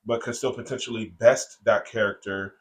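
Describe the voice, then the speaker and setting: A man co-hosting a casual podcast, talking in halting stretches with many fillers and restarts. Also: fairly low pitch, fairly even intonation, slight background noise. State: has the hiccups. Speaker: comic creator and co-host.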